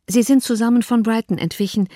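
A woman's voice: a little high, fairly quick, dark tone, no echo, clean studio sound, pitched above the performer's own voice, natural voice. A woman reading an audiobook, voicing a distraught, tearful young woman with a raised, pleading voice. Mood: anguished.

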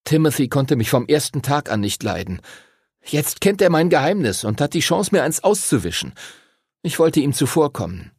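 A man's voice: fairly high pitch, sing-song, moderate pace, darkish tone, slightly rough, no echo, clean studio sound, pitched above the performer's own voice, full character voice. A man voicing a proud, stubborn schoolboy. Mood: defensive. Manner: defensive and snappish.

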